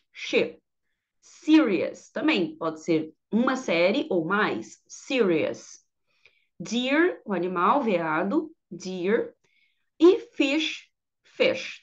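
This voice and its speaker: A woman, teaching English grammar in an online lesson, patient and repeating each word for her students. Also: medium pitch. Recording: dull lo-fi audio.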